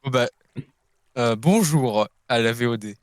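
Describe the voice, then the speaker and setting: A man's voice: medium pitch, expressive, a little slow, clear, resonant tone. A man chatting and joking with a friend while they play a game together. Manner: joking, easygoing teammate. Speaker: co-player. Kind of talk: casual voice-chat banter while gaming.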